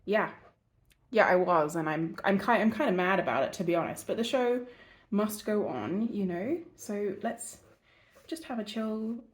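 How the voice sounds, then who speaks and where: A woman talks through a relaxed art tutorial while she sketches, her voice stuffy and congested from a cold. She rambles and pokes fun at herself as she goes, and her pitch sits right in the middle for a woman. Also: unhurried. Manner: chatty, rambling, self-mocking. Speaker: art channel host. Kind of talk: casual drawing and painting tutorial.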